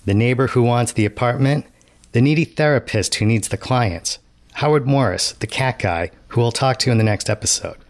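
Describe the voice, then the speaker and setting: A man's voice: medium pitch, normal speed, no echo. A man hosting a podcast with scripted narration, recorded dry and close. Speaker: podcast host.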